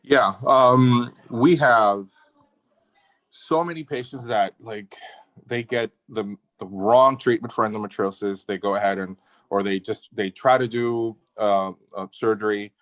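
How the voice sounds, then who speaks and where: On a video call, a middle-aged surgeon from the Dominican Republic speaks as a guest about endometriosis in a relaxed medical chat. His lowish, fairly bright voice comes a little slowly on a dry recording. He's emphatic and opinionated, keeping things informal with slang thrown in.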